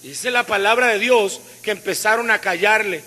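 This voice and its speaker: High, bright-voiced pastor preaching. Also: male voice, normal speed, big-room sound. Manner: colloquial, asks the congregation questions. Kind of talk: sermon. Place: church.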